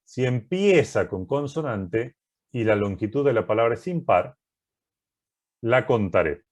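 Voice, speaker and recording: Male programming teacher, unhurried delivery, methodical, keeps checking in with the class. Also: medium pitch, animated, a little mellow. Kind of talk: recorded class walking through code.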